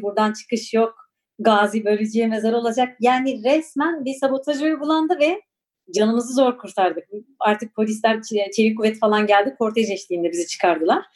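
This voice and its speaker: A woman's voice: on the high side, darkish tone. A woman in her forties from Turkey, recalling her past in an interview with a reflective, hesitant manner and many fillers. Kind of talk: personal recollection.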